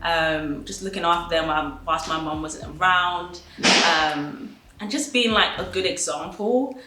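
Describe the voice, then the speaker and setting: Young woman chatting in an interview, lowish voice, echoey room, faint hiss. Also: unhurried. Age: 20s. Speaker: trainee solicitor, interviewee. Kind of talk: documentary interview.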